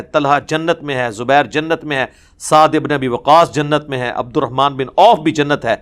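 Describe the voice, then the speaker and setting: Animated man lecturing on religion. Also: a little high. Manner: animated storytelling, acting out quoted speech. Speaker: religious scholar.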